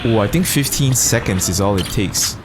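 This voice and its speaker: A man gives casual let's play commentary in slangy, profane language. His pitch is lively and jumps around, and there is clear game noise behind him. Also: moderate pace. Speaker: gaming video host. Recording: noisy game sound behind.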